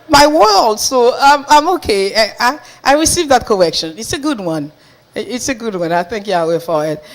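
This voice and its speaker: A woman giving a lively, laughing personal testimony to a small church group. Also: fairly high pitch. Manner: animated, laughing, lively storytelling. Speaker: congregation member giving testimony.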